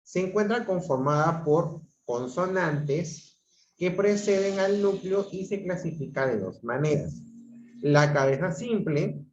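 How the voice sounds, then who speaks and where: Slow-talking man teaching over a video call. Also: fairly high pitch. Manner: slow, repeats himself, checks with "¿ok?". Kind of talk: online grammar class. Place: home room on a video call. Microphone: computer mic on a video call. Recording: roomy, dull lo-fi video call audio.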